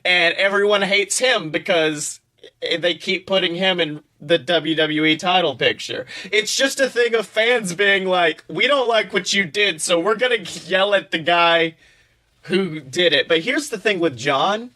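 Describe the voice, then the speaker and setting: Speaking at a measured pace, a young adult man with a bright, forceful, slightly high voice jokes around as a podcast co-host. He's animated and slangy, curses freely, and presents silly points with mock seriousness.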